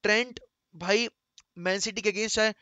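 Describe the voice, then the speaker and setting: A man's voice: high voice, fairly even intonation, unhurried, bright, forceful tone, no echo. A young man with an Indian accent giving a passionate football preview, switching between Hindi and English and swearing now and then. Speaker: fan channel host. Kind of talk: opinionated football preview monologue.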